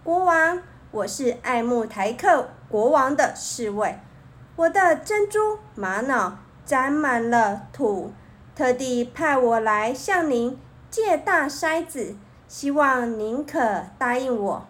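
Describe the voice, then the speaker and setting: A woman's voice: high-pitched, lively intonation, takes it slowly, fairly bright tone, exaggerated voice. A woman voicing a sly, clever young male fox in a children's story, coaxing and boastful.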